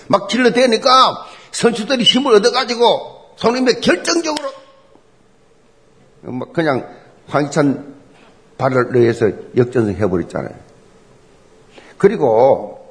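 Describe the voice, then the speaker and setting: A middle-aged male pastor preaching with real fire, his voice sitting high and leaping up and down as he goes. He keeps asking the congregation questions and repeating his key phrase to drive it home. Emphatic, lively sermon delivery. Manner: animated, emphatic preaching with rhetorical questions and repetition.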